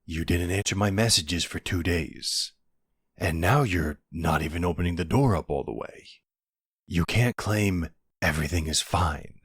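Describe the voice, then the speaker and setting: A man with a very deep, husky voice plays an anxious boyfriend in an intimate roleplay drama, speaking slowly and earnestly while pressing his partner with pleading, exasperated concern. His exaggerated voice sounds a bit bright, worried and pleading, in a studio-quality recording without echo.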